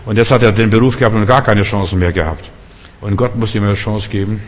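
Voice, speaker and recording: Emphatic preacher in an echoing hall. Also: male voice, lowish voice, fairly even intonation, fast. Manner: emphatic, repetitive, rising to shouts. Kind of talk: sermon. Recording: long church-hall reverb.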